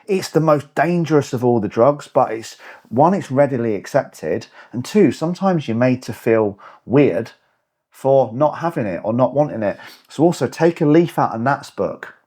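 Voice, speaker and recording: A man in his forties, a fitness and lifestyle coach, hosts his own podcast in a motivational monologue. His medium-pitched, slightly mellow voice is animated at a moderate pace. He talks bluntly and emphatically, swearing to drive points home.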